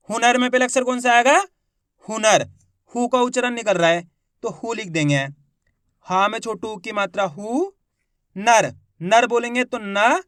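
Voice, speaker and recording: A man with a high voice gives a reading lesson for beginners. He sounds out words syllable by syllable and repeats each one slowly. The recording is close and dry, with no room echo. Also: a bit bright, clear, resonant tone. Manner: encouraging, asks the learner questions. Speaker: Hindi reading teacher.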